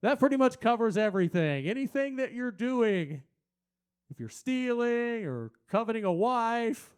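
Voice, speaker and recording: A man's voice: very high voice, animated, a little slow, clean tone. Crude rambling man doing stand-up. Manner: crude, rambling, talks to the crowd; puts on loud silly voices for quotes. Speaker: stand-up comedian. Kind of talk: stand-up comedy set. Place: small venue stage.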